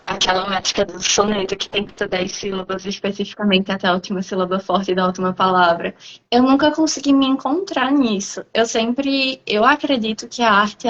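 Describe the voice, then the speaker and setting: A woman with a Brazilian Portuguese accent, a guest poet in a live online interview, explaining her writing thoughtfully and at length with frequent pauses. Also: fairly high pitch, a bit bright, muffled recording.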